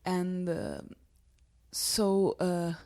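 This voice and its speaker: A woman actress whose first language is Italian, answering interview questions in halting English with many pauses and fillers. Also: fairly low pitch, flat delivery, warm tone.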